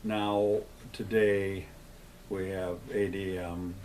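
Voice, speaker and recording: A man's voice: sits low, little pitch movement, very slow, darkish tone, slight background noise. An older man, speaking in a plain-spoken, conversational way as the interviewee in an oral history interview. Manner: plain-spoken, conversational, poses and answers own questions. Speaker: interviewee, longtime local resident.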